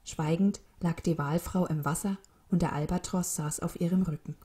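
Mellow-voiced woman reading a story. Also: fairly low pitch, steady tone, normal speed. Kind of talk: scripted storybook narration.

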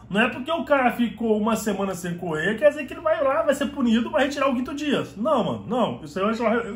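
A Brazilian delivery rider vlogger talks casually into a phone camera at arm's length, his extremely high-pitched voice sounding roomy in a small room at home. Animated and gesturing, he speaks in slang and keeps repeating "mano".

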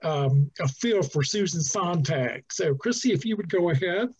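A middle-aged man from New Jersey, a museum docent giving a relaxed, chatty guided talk over a video call, with fillers and restarts. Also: fairly high pitch, moderate pace, slightly rough. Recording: dull lo-fi video call audio.

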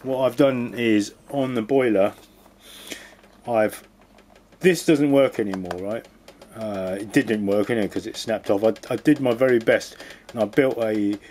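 A man's voice: fairly low pitch, darkish tone, slight background noise. A man giving a rambling, casual walkthrough of a boiler repair, often restarting his sentences and adding jokey asides. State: cold. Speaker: DIY video host.

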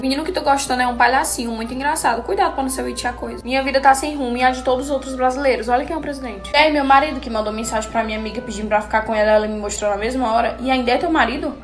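A woman firing off deadpan punchline answers to advice questions. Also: high-pitched. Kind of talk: quick comic question-and-answer.

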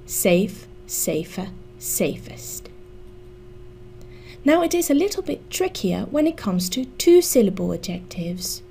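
Slow, mellow-voiced woman teaching grammar. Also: medium pitch, very animated, gravelly, slight background noise. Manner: slow, careful, spelling out letters. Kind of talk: scripted grammar lesson.

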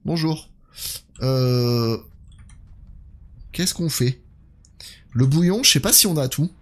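A man's voice: medium pitch, slow pace, a bit bright. A man streaming a horror game live, thinking aloud and talking to his viewers in a chatty way. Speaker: gaming streamer. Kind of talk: live let's play commentary.

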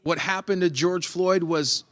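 A man's voice: high voice, a little slow, a bit bright, soft background music. Man preaching a conversational sermon. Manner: conversational preaching, acts out voices in Bible stories. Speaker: pastor.

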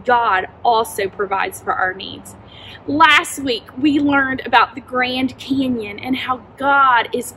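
A woman in her forties teaching a children's Bible lesson outdoors, talking straight to the kids in an animated, expressive way, recorded by a camera a few feet away. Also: sits high, a little hiss or hum, poor audio. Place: outdoors in a backyard by a tent.

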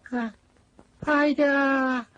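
An actor playing a naive, easily fooled young goalkeeper in a 1970s film comedy, speaking meekly with bewildered mumbles. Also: male voice, very high voice, fairly even intonation, drawn-out words, a bit bright, highs cut off, exaggerated voice. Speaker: hired goalkeeper. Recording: noisy old film soundtrack with crowd.

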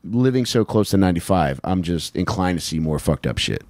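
A deep, expressive, somewhat dark voice belongs to a man in his thirties who co-hosts a comedic true-crime podcast at a brisk pace. Blunt and profane in casual chat, he sits on couches in a small indoor podcast room with a handheld mic up close, and there's no echo.

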